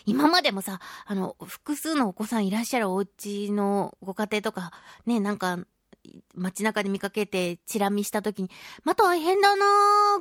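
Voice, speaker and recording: This radio host and voice actress has a high-pitched voice, recorded in a clean studio with no room sound. She chats casually and tells lively stories, performing the lines she quotes.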